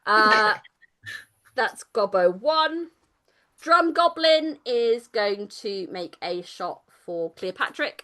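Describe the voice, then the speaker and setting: A woman game master narrates a tabletop adventure in a bright, crisp voice. She takes her time and keeps a playful, laughing tone, dipping into silly character voices. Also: a little high, lively intonation, slow pace.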